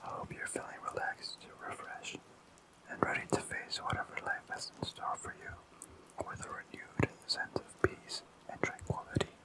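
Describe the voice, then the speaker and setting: An ASMR host rambling calmly in a fully unvoiced, slow and soothing whisper. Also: rough recording.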